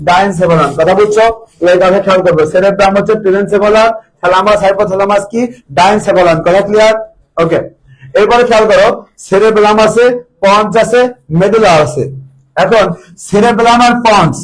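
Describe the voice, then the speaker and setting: The recording is low-quality, with a man's high voice leading biology exam revision. He repeats every term and checks his students by quizzing them on it.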